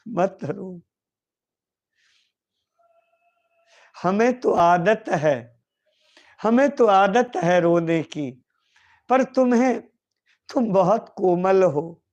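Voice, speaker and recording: A man voicing Lalita, a gentle, devoted female companion, in a soft and pleading way during a devotional story. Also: sits high, full character voice.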